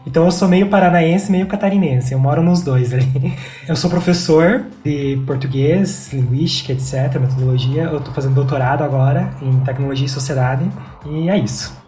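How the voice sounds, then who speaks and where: A man from Brazil, a teacher and podcast guest, speaking slowly and hesitantly, often trailing off. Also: a little high, dark tone, reverberant, soft background music. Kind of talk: casual conversation.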